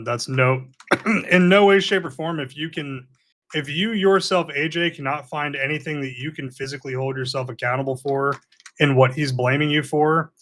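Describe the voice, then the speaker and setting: A man co-hosting a casual podcast, calmly giving a friend earnest advice about accountability. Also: fairly high pitch. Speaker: podcast co-host. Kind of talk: casual chat.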